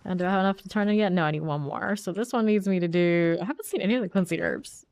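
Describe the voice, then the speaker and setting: Fast-talking and gravelly, her lowish, somewhat dark voice carries casual gameplay commentary as she streams. A cold leaves her congested and sniffling, and she keeps thinking out loud, chatting with herself and questioning what to do next.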